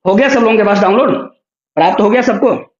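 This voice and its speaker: Online teacher, man, high-pitched, patient and explanatory, roomy lo-fi call audio. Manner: patient, explanatory, stretches sounds slowly to demonstrate. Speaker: Sanskrit teacher. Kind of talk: online class lecture. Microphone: video call.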